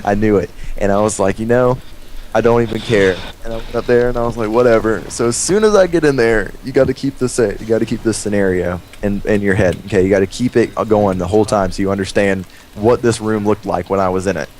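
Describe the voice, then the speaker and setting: Over gameplay, a young man rambles through a profanity-laced story, animatedly voicing the quoted dialogue as he goes. He talks fast in a voice on the low side, and there's slight background noise.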